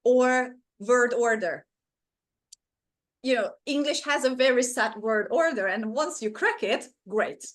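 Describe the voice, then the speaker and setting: Taking it slowly in a slightly high voice, a native Hungarian speaker leads a teaching webinar by video call. She comes across as earnest and encouraging, and uses fillers often.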